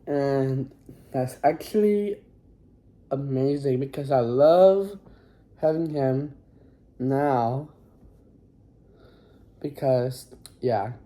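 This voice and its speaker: On a phone, a teenage high schooler records a casual recap vlog, speaking haltingly, rambling and apologizing along the way. The voice is mellow, with lively intonation.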